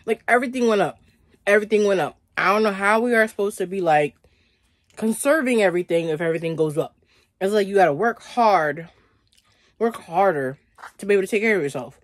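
A woman's voice: medium pitch, no room sound. A woman in her thirties chatting casually to viewers as a vlogger, chewing and eating while she talks and often saying "like". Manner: conversational, frequent "like" as a verbal habit. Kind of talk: casual mukbang chat to viewers. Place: small indoor bedroom.

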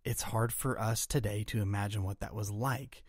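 A man's voice: lowish voice, fairly even intonation, normal speed, dry recording, clean studio sound. A man hosting a history podcast, telling war accounts earnestly, tripping now and then over names and restarting phrases.

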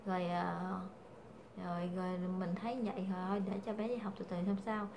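A woman's voice: on the low side, level tone, normal speed, vocal fry, noisy background. A young woman, chatting casually to her viewers as a mother, hesitant and full of fillers. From Vietnam. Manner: hesitant, many fillers, calls viewers family. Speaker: vlogger, mother.

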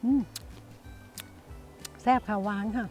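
A woman's voice: takes it slowly, darkish tone, soft background music. Chatty Isan-accented woman vlogging outdoors. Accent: Isan (Northeastern Thai). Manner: chatty, addresses viewers as "brothers and sisters". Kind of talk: casual outdoor vlog. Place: outdoors in the countryside.

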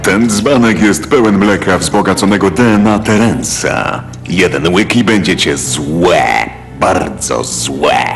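A man's voice: low-pitched, slow, exaggerated voice. An actor playing a cold, ominous male villain in a cartoon dub. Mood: menacing. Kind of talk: animated cartoon dub acting. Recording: clear music bed under voice.

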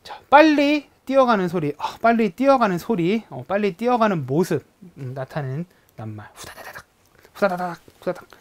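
A young adult language teacher, speaking at medium pitch in a sing-song way, explains slowly in a recorded lesson. Hesitant fillers crop up often, and the teacher imitates sounds to illustrate words.

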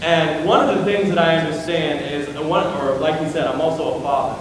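A man in his thirties, from Columbus, works a large audience with quick jokes and loose asides. He has a fairly high voice and talks without a microphone. It is caught from the back of a big hall with long, roomy reverb. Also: noisy background. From Columbus, Ohio. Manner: lively and joking, with quick asides and fillers. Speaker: keynote speaker. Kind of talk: energetic motivational keynote. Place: large auditorium stage. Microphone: far camera, no microphone. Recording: echoey hall recorded from far off.

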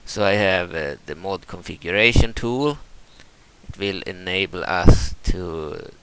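This gaming channel host from Sweden, a young man with a Swedish accent, talks through a game mod casually and haltingly, with lots of fillers and restarts. He speaks a little slowly in a low, smooth voice that's expressive and fairly bright in tone.

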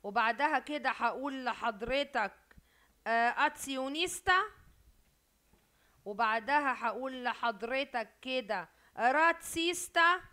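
A woman's voice: sits high, lively intonation, a little slow, long pauses, sharp tone. A woman with an Egyptian Arabic accent teaching an Italian class over a video call, quizzing her students and repeating each word. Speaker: university Italian lecturer. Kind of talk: online lecture.

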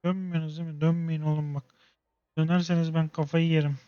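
Young male gaming host, casual and exasperated, slangy outbursts, slightly high voice, dull dry close-mic sound. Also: level tone, fast talker, clear, resonant tone, no echo. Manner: exasperated, talks to himself and the game with slangy outbursts. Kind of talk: casual gameplay commentary.

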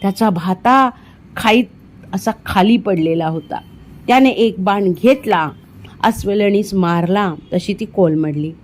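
A woman from India reading a children's storybook aloud, performing the dialogue with lively expression. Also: measured pace. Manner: expressive, voices the dialogue with rising pitch in tense moments. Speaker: audiobook reader. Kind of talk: storybook narration.

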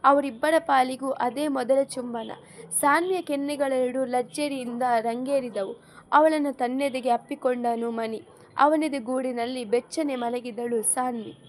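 A woman storyteller narrating an audiobook romance in a steady, expressive reading. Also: high voice, measured pace.

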